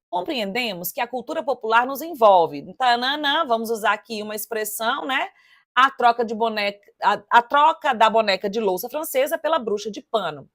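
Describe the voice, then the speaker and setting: A woman teaching for an exam, working through test questions aloud in a lively, chatty way and speaking straight to her students. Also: fairly high pitch. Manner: lively and chatty, addressing students directly, counting syllables aloud. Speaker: Portuguese teacher.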